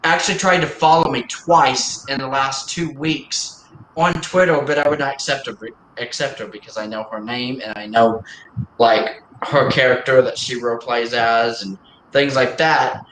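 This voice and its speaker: A man hosting a livestream and chatting casually in a rambling, halting way, often restarting and repeating his words. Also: mid-range voice, fairly even intonation, fairly bright tone, a little hiss or hum. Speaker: livestream host. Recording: roomy echo.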